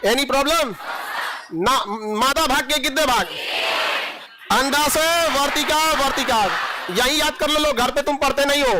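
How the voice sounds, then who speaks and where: A man's voice: extremely high pitch, noisy background. A male teacher teaching a biology class, quizzing students and joking with them in a classroom. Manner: playful, jokes with students, quizzes them repeatedly.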